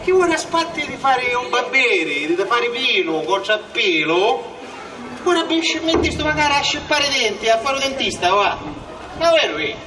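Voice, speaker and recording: A man acting a mocking, sceptical village crony in a stage comedy, needling and animated, in Sicilian dialect. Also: very high voice, normal speed, crowd noise. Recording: echoey theatre stage, distant mic, audience.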